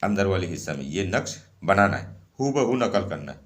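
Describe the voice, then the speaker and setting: A man's voice: low-pitched, very animated, normal speed. A man explaining ritual instructions step by step in a casual spoken way, repeating each point and often checking in with "okay".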